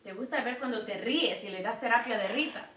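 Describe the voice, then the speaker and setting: A woman's voice: on the high side, fairly quick, a bit bright, far from the mic. A woman hosting a pet vlog, talking to her parrots in coaxing baby talk at home. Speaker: pet parrot channel host. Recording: echoey room, away from mic, noisy.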